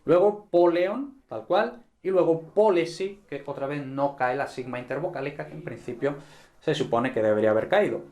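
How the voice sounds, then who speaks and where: A man teaching a grammar lesson at a board, relaxed and checking in often with his listeners. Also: on the high side, normal speed. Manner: relaxed, frequent "¿vale?" and "¿no?" check-ins.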